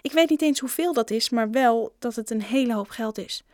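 A woman's voice: on the high side, normal speed, a little mellow, no echo, studio quality, pitched above the performer's own voice, lightly acted. A woman voicing a shy, nervous twelve-year-old boy who speaks hesitantly and apologetically, in a storybook reading.

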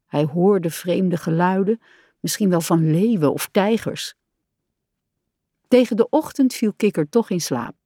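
Slow, calm woman reading a children's story. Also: lowish voice, dry recording, clean studio sound.

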